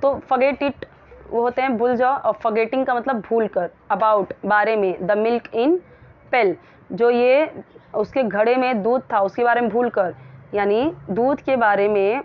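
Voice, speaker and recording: A woman teaching English. She explains each phrase in Hindi, repeats and rephrases, and reads the English sentences slowly, word by word. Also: on the high side. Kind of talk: explaining a lesson. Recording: dull lo-fi sound.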